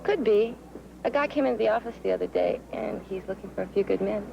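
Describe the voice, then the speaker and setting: A quick, teasing young woman. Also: mid-range voice, creaky. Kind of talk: 1980s TV drama acting. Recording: outdoor street noise, slightly lo-fi.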